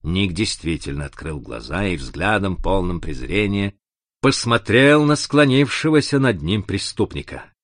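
A man narrating an adventure audiobook in an expressive, dramatic reading. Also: deep voice, a little slow, dry recording, clean studio sound.

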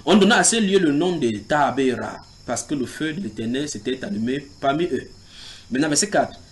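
Speaking a little fast with a fairly high pitch, a man teaches from the Bible in a house church. His manner is animated as he reads scripture aloud and asks the group questions.

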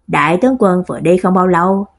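A woman's voice: lowish voice, fast talker. A woman voicing a composed, reserved male chancellor who speaks coldly and tersely. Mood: indignant.

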